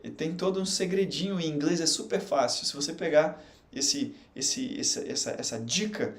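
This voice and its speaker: A middle-aged Brazilian man teaching English on an unedited live stream, chatty and explaining slowly with many fillers. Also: fairly high pitch. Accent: Brazilian Portuguese. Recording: echoey room with faint background hum.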